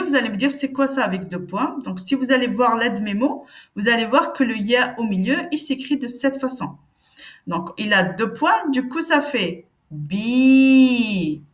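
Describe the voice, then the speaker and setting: A woman teaching Arabic reading step by step, patiently sounding out syllables slowly for learners. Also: a little high. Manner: patient, slow demonstrations of each syllable.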